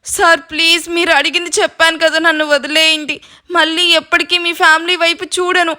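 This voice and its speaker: Storybook role: a crying young woman pleading for mercy, as a narrator puts her on, high pitched. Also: level tone, fairly quick, pushed and bright. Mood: begging. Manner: pleading, sobbing. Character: desperate young woman begging for her life.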